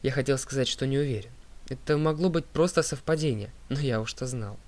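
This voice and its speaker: A man reading an audiobook as narrator, in a steady, clear voice that drops low on speaker tags. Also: a little fast. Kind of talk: scripted narration.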